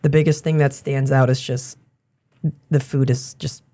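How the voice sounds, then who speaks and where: A woman in her thirties from Germany, a gym owner chatting casually as a podcast guest, relaxed and laughing often. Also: a bass voice, a little slow. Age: 30s. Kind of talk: casual interview chat.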